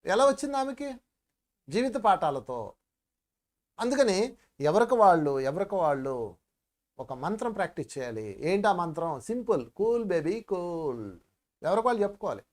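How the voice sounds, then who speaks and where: Animated male meditation teacher. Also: high-pitched, normal speed, pauses often. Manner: storytelling, animated, addresses listeners as friends. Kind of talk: spiritual discourse to viewers.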